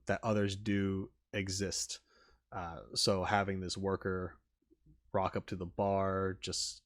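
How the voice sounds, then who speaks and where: Here a man on the low side of the pitch range rambles through a reaction video he hosts, captured with studio quality and no echo. He keeps breaking off mid-thought, cutting himself off and beginning sentences again, with casual swearing mixed in.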